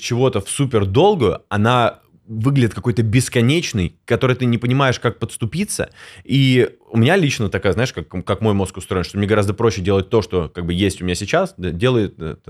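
A man hosting an interview, asking long, engaged questions in a casual way. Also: fairly low pitch. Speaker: interviewer, host.

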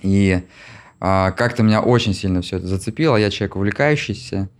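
A man in his forties from Russia, an interview guest who answers reflectively with many pauses and filler sounds. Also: lowish voice. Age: 40s. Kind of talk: casual conversation.

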